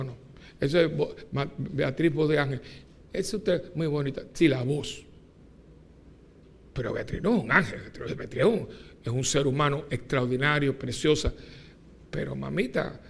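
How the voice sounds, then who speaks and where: Animated, joking priest preaching. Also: male voice, a little high, moderate pace, gravelly, slight background noise. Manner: animated, joking, full of rhetorical questions. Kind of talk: sermon. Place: church during mass.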